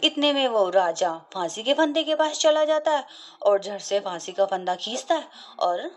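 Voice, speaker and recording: A woman retelling a folk play in plain, steady narration. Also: fairly high pitch, moderate pace. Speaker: storyteller.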